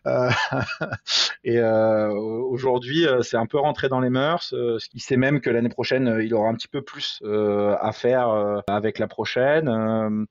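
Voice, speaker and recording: A man speaks as a guest in a casual interview, hesitating often and restarting his sentences. His voice sits at an ordinary pitch. The sound is a little dull and lo-fi, with no room echo. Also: steady tone, measured pace. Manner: hesitant, many fillers and restarts; self-deprecating, laughs at himself. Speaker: interview guest, father in a blended family.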